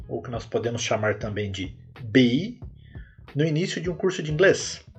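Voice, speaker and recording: A man hosting a solo English-teaching podcast, explaining clearly and repeating words for emphasis. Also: on the high side, darkish tone.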